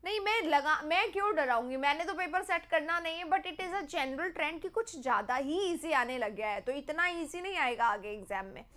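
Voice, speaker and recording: A young woman with an Indian English accent teaching English grammar in a live online class, mixing Hindi and English and reading example sentences slowly. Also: high voice, expressive, fairly bright tone. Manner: mixes Hindi and English, reads sentences slowly, quizzes viewers. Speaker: English teacher for competitive exams.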